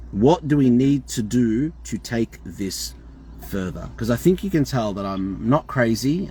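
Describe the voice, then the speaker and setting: A man's voice: mid-range voice, mellow, slightly rough. An Australian man calling a hotline, talking in an insistent, emphatic and repetitive way. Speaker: caller. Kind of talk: phone call complaint.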